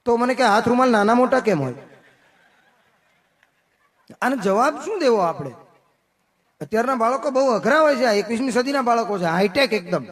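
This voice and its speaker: A man performing folk comedy on stage. He tells jokes as dialogues and drops lower and softer for his own replies. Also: animated, normal speed, long pauses. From Gujarat, India. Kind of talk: live folk comedy storytelling. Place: outdoor festival stage.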